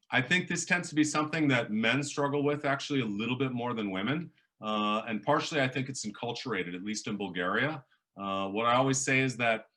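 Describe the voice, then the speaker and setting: This male professor leads a public speaking workshop, his booming voice bright and forceful. He keeps the lecture lively by changing his loudness and speed to stress points.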